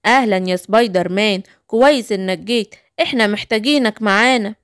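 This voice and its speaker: A woman's voice: mid-range voice, brisk, clean tone, voice pushed down, natural voice. A woman with an Egyptian accent voicing a timid, worried young lion cub. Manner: anxious, calling out.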